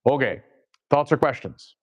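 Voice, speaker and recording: A man's voice: medium pitch, animated, normal speed. A man leading a church Bible study, reading scripture aloud, stumbling over hard names, then explaining it in a casual, chatty way. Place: church classroom.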